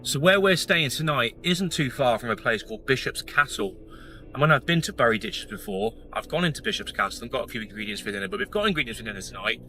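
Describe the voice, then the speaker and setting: Bright-voiced man chatting while driving. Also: mid-range voice, expressive, quick pace, slight background noise, rough recording. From Shropshire, England. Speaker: vlogger. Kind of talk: casual travel vlog. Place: inside a moving van.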